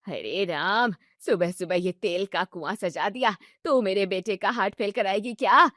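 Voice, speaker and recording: A woman's voice: medium pitch, moderate pace, a bit bright, dry recording, clean studio sound, lightly acted. A woman voicing a strict older mother-in-law who scolds everyone sharply in a storybook tale. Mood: scolding. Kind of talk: storybook narration.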